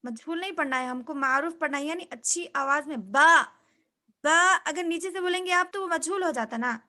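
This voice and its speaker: A woman's voice: high voice, sharp tone. A woman teaching a reading lesson, patiently modeling and correcting each letter sound.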